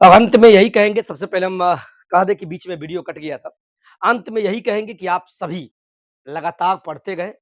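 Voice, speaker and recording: A man's voice: high-pitched, normal speed, dry recording, studio quality. A man talking to teaching exam candidates, mixing news with earnest, repetitive motivational advice. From Bihar. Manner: earnest, exhorting, repeats phrases for emphasis.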